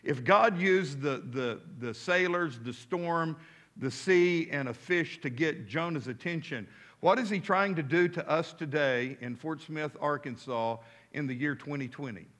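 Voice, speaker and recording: Emphatic American preacher with a high, bright voice. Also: male voice. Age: 50s. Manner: emphatic, deliberate phrasing with repetition. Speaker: pastor. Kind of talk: sermon.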